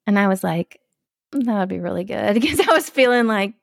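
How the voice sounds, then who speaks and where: A woman's voice: mid-range voice, animated, normal speed, creaky, no room sound, studio quality. A woman in her forties, a guest telling a family story in casual chat, laughing often and acting out the quotes.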